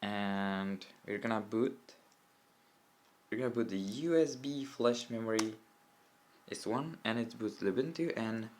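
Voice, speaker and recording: A young Czech man with a low, darkish voice gives a casual, rambling tutorial, speaking a little slowly as he demonstrates an install. He's a tech hobbyist who corrects himself and mutters asides to the camera while sitting at a desk by a window indoors. An old smartphone camera mic makes it sound lo-fi, with faint room noise.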